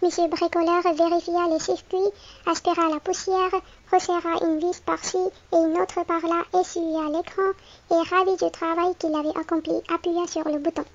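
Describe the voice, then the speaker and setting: A woman reading a children's picture book aloud, clearly and expressively, as if to a young child. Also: very high-pitched, little pitch movement, normal speed, highs cut off. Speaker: storybook reader.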